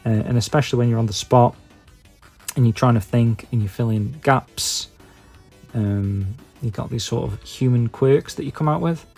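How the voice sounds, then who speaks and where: Husky and darkish in tone, a medium-pitched man speaks at normal speed over soft background music. He's an English YouTube video maker and podcaster with a Stoke-on-Trent accent, chatting casually to viewers. His rambling is hesitant and self-deprecating, heavy with filler phrases.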